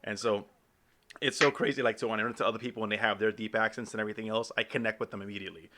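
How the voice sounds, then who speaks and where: A man's voice: on the low side, steady tone, pushed and bright. A man with a New York accent hosting a podcast, chatting in an upbeat, talkative way. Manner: upbeat, quick, chatty interviewer. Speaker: podcast host. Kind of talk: casual chat.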